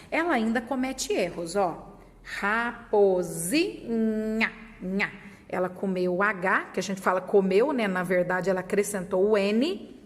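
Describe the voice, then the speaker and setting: A woman with a Brazilian Portuguese accent explaining literacy stages to teachers, patiently sounding out words syllable by syllable. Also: mid-range voice. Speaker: teacher trainer. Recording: long reverb.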